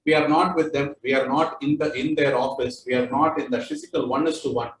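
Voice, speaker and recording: A man's voice: mid-range voice, fairly even intonation, brisk, slight background noise. A man with an Indian accent giving a workplace training talk, with loose, repetitive phrasing and many fillers. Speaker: corporate trainer. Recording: echoey room, voice far from mic.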